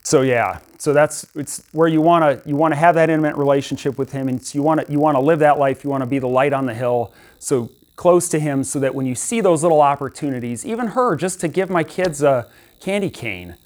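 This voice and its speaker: A man's voice: fairly high pitch, brisk, a little mellow. Conversational man preaching an informal sermon. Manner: conversational, storytelling, many restarts.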